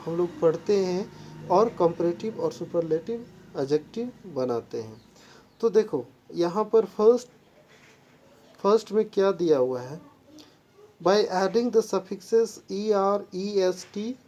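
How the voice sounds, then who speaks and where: Slow, deliberate woman teaching grammar. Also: on the low side, animated, mellow, lo-fi sound. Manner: mixes Hindi and English, spells words out letter by letter; slow, halting delivery when reading English rules. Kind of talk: classroom-style lesson explanation.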